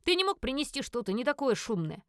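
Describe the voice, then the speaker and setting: A woman's voice: high voice, very animated, quick pace, a bit bright, dry recording, clean studio sound. A woman voicing a rude, irritable teenage son in an audiobook, grumbling and snapping at everyone.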